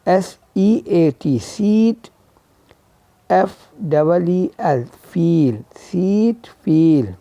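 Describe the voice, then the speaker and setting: A man's voice: sits high, lively intonation, drawn-out words, dark tone, no room sound. A man teaching English vowel sounds, spelling each word letter by letter and repeating it. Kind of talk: slow spelled-out phonetics lesson. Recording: dull lo-fi sound.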